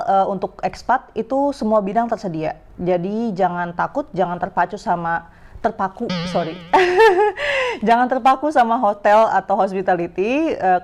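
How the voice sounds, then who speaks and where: A woman's voice: medium pitch, a little mellow. A young woman with an Indonesian accent explaining things casually to viewers, chatty and informal, often correcting herself. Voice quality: slight trouble pronouncing some sounds. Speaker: vlogger giving job advice.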